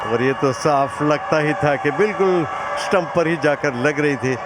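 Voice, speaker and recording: A man's voice: a little high, normal speed. A man giving descriptive ball-by-ball live cricket commentary, narrating each stroke. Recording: loud crowd and stadium noise. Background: crowd, outdoor noise.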